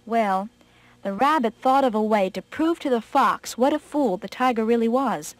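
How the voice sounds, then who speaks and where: A woman narrating a children's folk tale in an expressive, gently dramatic way. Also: on the high side, moderate pace, dry recording. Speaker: storyteller.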